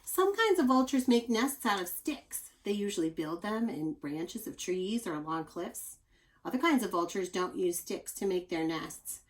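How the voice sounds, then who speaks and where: Here a woman with a mid-range voice reads nonfiction to kids at a moderate pace. Like a teacher, she's expressive and explanatory, slipping in chatty comments for her young audience.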